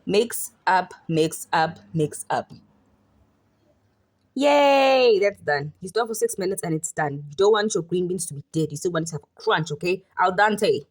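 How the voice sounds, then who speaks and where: A woman's voice: fairly low pitch, a little fast, few pauses. A young woman from South Africa with a South African accent, talking viewers through a recipe in a playful, sing-song way. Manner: playful, sing-song chanting while stirring. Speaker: cooking vlogger. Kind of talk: casual cooking tutorial.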